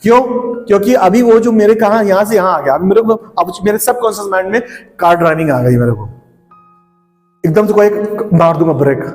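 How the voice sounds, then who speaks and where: A man preaching a sermon, emphatic and conversational, often calling out hallelujah and acting out everyday exchanges. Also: high-pitched. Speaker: pastor. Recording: long hall reverb, faint music behind.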